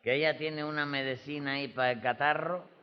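A man's voice: fairly high pitch, fairly even intonation, brisk, smooth, close to an everyday voice. A man playing a sly Cuban swindler on trial in a radio comedy, wheedling and rambling, garbling his words. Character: sly fast-talking male swindler on trial. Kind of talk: 1940s radio comedy acting. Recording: dull old radio recording with long reverb.

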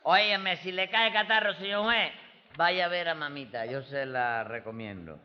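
A man's voice: on the high side, moderate pace, natural voice. A man playing a sly Cuban swindler on trial in a radio comedy, wheedling and rambling, garbling his words. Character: sly fast-talking male swindler on trial. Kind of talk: 1940s radio comedy acting. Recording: dull old radio recording with long reverb.

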